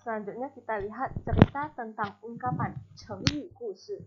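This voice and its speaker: A woman teaching a recorded Mandarin class, explaining slowly and modeling examples aloud. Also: a little high, very noisy. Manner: slow, deliberate explanations with spoken examples. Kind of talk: recorded online class lesson. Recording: dull lo-fi recording.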